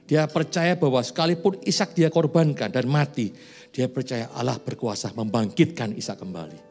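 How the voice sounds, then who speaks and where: Soft music underlies a sermon given in a church sanctuary by a man in his forties. His medium-pitched voice has a darkish tone and a normal speed, and he mixes casual talk and jokes with pointed questions that rise in emphasis toward the congregation.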